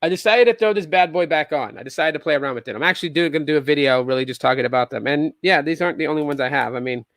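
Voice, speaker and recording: Male tech podcast host in his 30s, bright, slightly high voice, dry close sound, rambling and sarcastic. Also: rapid-fire, hardly any pauses, no echo. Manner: rambling, animated, sarcastic asides with many restarts. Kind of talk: casual solo tech chat.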